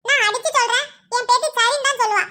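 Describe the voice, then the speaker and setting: A woman's voice: very high-pitched, sharp tone. A woman voicing a stubborn, bossy elderly grandmother in a cartoon, insisting she knows best. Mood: insistent. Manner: insistent, quick, sure of herself. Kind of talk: cartoon voice acting.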